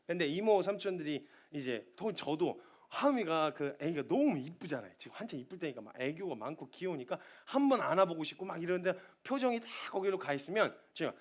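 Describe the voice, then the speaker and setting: A man in his thirties preaching a sermon in a church, moving between soft confiding talk and loud impassioned pleading. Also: fairly high pitch, lively intonation, a little fast, few pauses. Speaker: missionary preacher. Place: church sanctuary.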